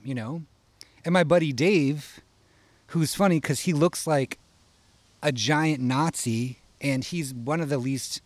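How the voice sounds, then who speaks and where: A man's voice: fairly high pitch, dry recording. Guy from iowa rambling thru a story, swears a lot, keeps saying you know, dry sound. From Iowa, USA. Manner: rambling, profane, tags lines with "you know?". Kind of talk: casual personal storytelling.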